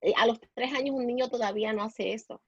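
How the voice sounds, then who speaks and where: This podcast guest, a Dominican-born woman raised in Puerto Rico, speaks Spanish with a Puerto Rican accent, her voice on the high side and slightly rough. The recording is dry with the highs cut off, and she recounts a personal story haltingly, with many restarts and English words mixed in.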